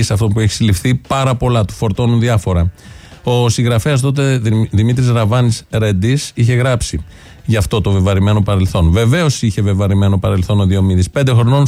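A man's voice: medium pitch, warm tone, no room sound. Man narrating solemnly on radio, dry sound. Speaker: radio host.

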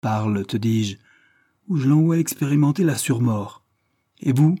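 A man's voice: medium pitch, expressive, a little slow, pitched above the performer's own voice. A man voicing a mocking, domineering male detective who barks curt threats at a crowd. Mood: bullying. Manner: sharp, curt and jeering, barking threats.

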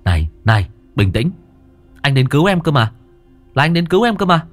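A man's voice: fairly high pitch, sing-song, fairly quick, faint music behind, pitched above the performer's own voice. A man voicing a brave young man who calls out and reassures in an urgent, raised voice. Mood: reassuring. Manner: loud urgent calling.

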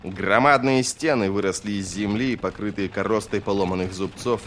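Man reading a fantasy audiobook, low voice, steady and expressive, faint hiss. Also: moderate pace. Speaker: audiobook narrator. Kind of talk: scripted narration of a fantasy novel.

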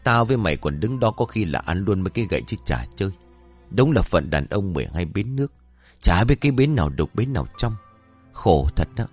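A man's voice: low voice, big pitch swings, fairly quick, soft background music. Guy doing a bossy old drunk master, cranky, swings his voice all over. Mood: grumbling. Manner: loud bickering, boastful. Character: rowdy old drunk male master, boastful.

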